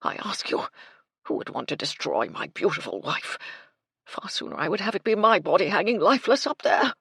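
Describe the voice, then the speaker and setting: A woman narrator voicing a grief-stricken aristocratic widower with a hoarse voice. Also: medium pitch, huge pitch swings, normal speed, fairly bright tone, no room sound, clean studio sound, voice pushed up, full character voice. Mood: anguished. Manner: anguished, breaking outbursts.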